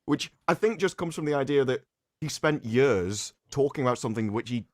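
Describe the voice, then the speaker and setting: A man on an online panel, arguing in an animated way and mocking others with shouted imitations. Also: mid-range voice, brisk, dry recording, clean studio sound. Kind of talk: casual panel chat.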